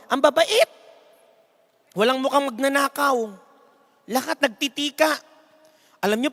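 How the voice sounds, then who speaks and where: A man's voice: extremely high pitch, a bit bright. A Filipino man giving a humorous sermon as a lay preacher, telling stories and acting out the people in them. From Philippines. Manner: storytelling with jokes and acted-out quotes. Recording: long hall reverb.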